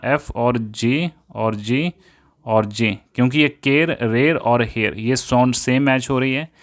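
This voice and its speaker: A man teaching an English poetry lesson, explaining step by step, often repeating himself and reading quoted lines slowly. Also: medium pitch, a bit bright.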